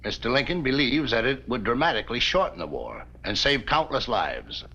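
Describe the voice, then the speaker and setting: A bright, lively-voiced governor, formal and oratorical. The recording is a muffled vintage TV soundtrack. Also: male voice, mid-range voice, moderate pace, vocal fry, full character voice. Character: dignified territorial governor, persuasive and formal. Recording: dull 1950s TV soundtrack.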